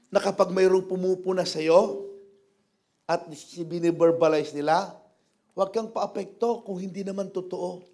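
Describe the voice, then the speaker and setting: A man with a Filipino accent preaching a sermon in church as pastor, switching between Tagalog and English and rising to loud emphasis. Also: high-pitched. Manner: mixes English phrases into Tagalog, animated, rises to loud emphasis.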